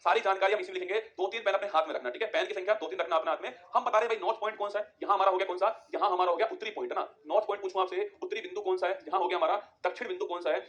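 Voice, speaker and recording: A male teacher rattles through an exam-prep geography lesson at a breakneck pace. His voice sits high, and he keeps repeating facts and firing rhetorical questions at his students. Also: fairly even intonation, a bit bright. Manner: rapid, repetitive drilling of facts with rhetorical questions.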